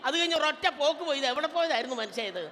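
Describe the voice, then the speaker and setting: A man rattles off lines rapid-fire in an extremely high pitch, impersonating a loud, bossy, teasing middle-aged auntie as comedian and emcee. He banters with the audience and calls people up onto the convention hall stage. The PA is reverberant, with slight background noise.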